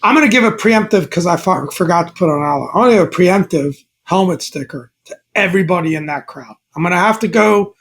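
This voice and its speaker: A man's voice: high voice, animated, quick pace, a bit bright. A middle-aged man from Maryland co-hosting a sports podcast in a casual, joking way. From Maryland, USA. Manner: casual, joking, chuckles often. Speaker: co-host. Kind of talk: sports talk podcast chat.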